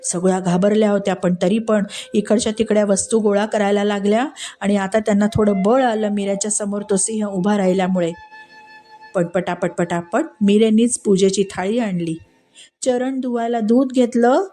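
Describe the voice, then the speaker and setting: A woman narrates a devotional story with animated, repetitive emphasis. Her voice is soft and mellow in tone. Faint music plays underneath. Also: medium pitch, moderate pace. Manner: animated, repeats phrases for emphasis.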